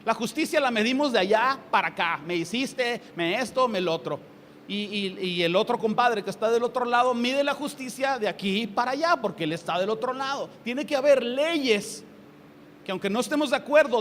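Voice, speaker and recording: Mexican male pastor, very high voice, animated sermon delivery, long hall reverb. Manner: lively preaching with sarcastic asides and acted quotes. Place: church hall. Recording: reverberant hall with faint ambient noise.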